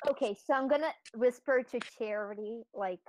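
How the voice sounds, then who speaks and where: A woman's voice: fairly high pitch, normal speed, noisy background. A young woman playing a tabletop game, pleading and questioning persistently. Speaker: player. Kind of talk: casual tabletop game play.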